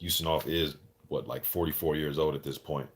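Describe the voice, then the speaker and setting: A man's voice: a bass voice, steady tone, brisk, slightly rough. A man hosting a live boxing commentary stream, chatting casually with viewers in slangy, informal talk with some swearing. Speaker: livestream host and boxing commentator.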